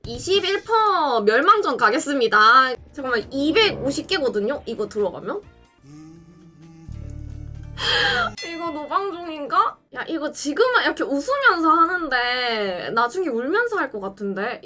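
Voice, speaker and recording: A synthetic woman's voice narrates gameplay in a high, very lively way, bursting into dramatic pleas and cheers. Its tone is bright and sharp. Faint music plays behind it. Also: measured pace. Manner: excitable, dramatic outbursts and pleading. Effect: text-to-speech voice. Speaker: game streamer. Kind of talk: gameplay commentary.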